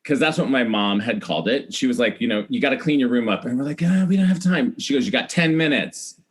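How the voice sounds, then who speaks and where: A husky, expressive voice of medium pitch comes quickly from a middle-aged American man from Iowa. As a celebrity hair stylist guesting on a podcast, he tells personal stories in a chatty, animated way, repeating points emphatically and acting out quoted remarks.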